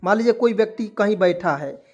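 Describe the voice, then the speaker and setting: Hindi tutor spelling English words slowly. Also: male voice, high-pitched, darkish tone. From rural India. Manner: spells letters out and repeats meanings slowly, keeps asking "okay?". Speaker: English teacher.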